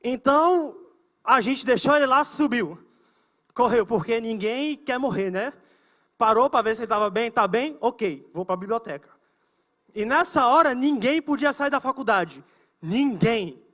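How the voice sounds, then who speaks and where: A young man preaching to a youth service, telling a story with lively, acted-out voices. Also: very high voice, a little slow. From United States. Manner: animated storytelling, acting out shouting and whispered prayers.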